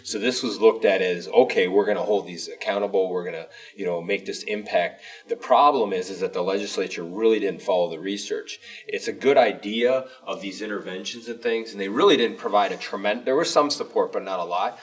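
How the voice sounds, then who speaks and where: A man's voice: lowish voice, a little fast, few pauses, distant mic. A man speaking as a school superintendent in an informal panel discussion, explaining emphatically in a rambling way. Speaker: school superintendent co-hosting a district show.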